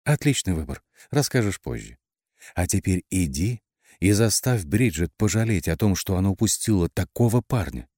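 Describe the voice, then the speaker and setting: A man voicing a wry young woman on the phone who speaks softly, like a meditation recording. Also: low voice, big pitch swings, moderate pace, dry recording, studio quality. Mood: soothing.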